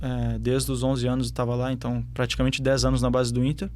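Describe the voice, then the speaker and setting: A young footballer with a southern Brazilian accent answers interview questions casually, speaking fast in a medium-pitched, darkish voice with flat delivery. His answers are full of fillers and restarts.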